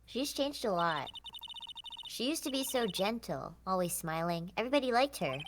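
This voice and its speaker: A woman's voice: mid-range voice, very animated, moderate pace, background noise, close to an everyday voice. A woman voicing a peppy, science-loving teenage girl who stammers when flustered, reading game lines. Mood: eager.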